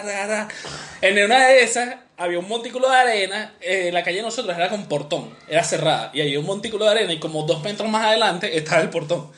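High bright man rambling. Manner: rambling, many fillers and restarts. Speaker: podcast co-host. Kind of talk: casual chat, storytelling.

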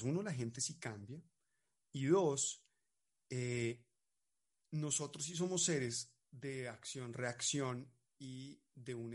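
A young Colombian man, a relationship coach, telling a story in casual chat and acting out the voices of the people in it. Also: medium pitch. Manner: animated, acts out quoted voices.

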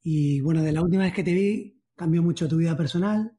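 A man's voice: on the high side, a little fast, dark tone. A man from Spain interviewing an old acquaintance, asking friendly, familiar questions with light laughs.

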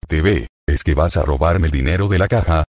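A man's voice: rumbling low, fairly quick, a little mellow, husky, no room sound, clean studio sound. A man reading the lines of a bored young female cashier, in a plain reading voice. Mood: bored, giddy. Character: young woman, bored juice bar cashier.

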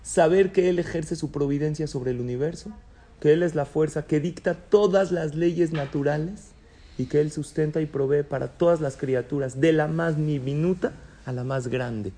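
Leading a religious class, this rabbi speaks warmly at an ordinary pace, with a voice on the high side. His Spanish Torah lesson uses Hebrew terms, and he raises questions he then answers, adding a few gentle jokes along the way.

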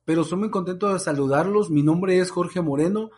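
A man's voice: high-pitched, a little fast, a crowd in the background. A young adult man with a Mexican accent co-hosting a podcast in casual, slangy talk. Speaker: podcast co-host.

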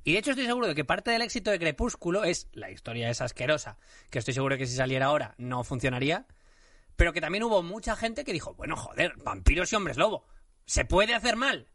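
Hombre español animado, voz aguda y viva. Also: male voice, a little high, fast, no room sound, clean studio sound, recorded from a distance. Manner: animated, rants and shouts when impersonating. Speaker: podcast co-host. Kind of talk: comedic podcast chat.

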